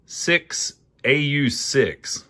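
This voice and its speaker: Speaking very slowly with lively intonation, a man with a medium-pitched, bright and forceful voice talks through a repair on his amateur electronics channel. His folksy, casual narration sounds like he's thinking out loud while working.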